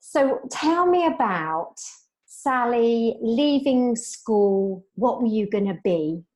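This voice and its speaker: With a fairly high, somewhat mellow voice and lively intonation, this podcast host and business coach talks slowly. She is warmly effusive while introducing and interviewing her guest in a casual chat.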